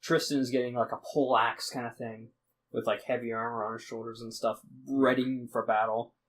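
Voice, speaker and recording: A man's voice: medium pitch, flat delivery, moderate pace, slight background noise, rough recording. Rambling, profane young man recapping a game. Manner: rambling, profane, restarts often; acts out characters' lines in snippets. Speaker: podcast host recapping a tabletop game. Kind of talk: casual storytelling recap.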